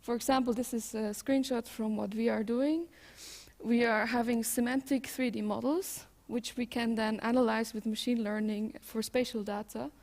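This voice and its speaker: A woman's voice: a little high, fairly even intonation, normal speed, a little mellow. A woman from Switzerland with a Swiss German accent, giving an informal tech talk as a conference speaker.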